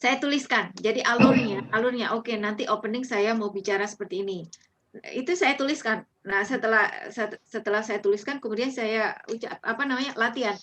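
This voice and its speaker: A woman's voice: a little high, a little fast, fairly bright tone, a little hiss or hum. A woman teaching presentation skills in an online class, chatty, with many fillers and restarts, dropping English phrases into her talk.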